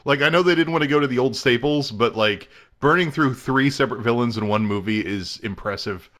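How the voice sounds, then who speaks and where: A man's voice: mid-range voice, brisk, a bit bright. A man in casual chat, wry and teasing in his remarks.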